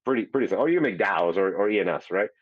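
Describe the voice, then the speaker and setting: A man's voice: on the low side, expressive, very fast, husky, no room sound. A man hosting a casual live audio show, talking in a rambling, profane way with many restarts, heard over a dull, lo-fi online audio chat. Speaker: host.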